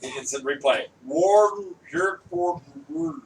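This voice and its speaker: A man puts on a joking slowed-down slow-motion replay voice, every word dragged out. The pitch swings up and down as it drags. It sounds distant from the mic, with faint room noise underneath. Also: animated. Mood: mock slow-mo. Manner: drawn-out, joking mock slow-mo delivery. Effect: slow-motion replay voice put on by mouth. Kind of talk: joking table talk at a tabletop game.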